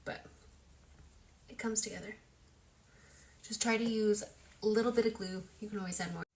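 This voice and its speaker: A woman's voice: mid-range voice, fairly even intonation, normal speed, darkish tone. Chatty young woman doing a makeup tutorial. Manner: chatty, self-deprecating, talks while working. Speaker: makeup vlogger. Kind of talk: casual tutorial chat.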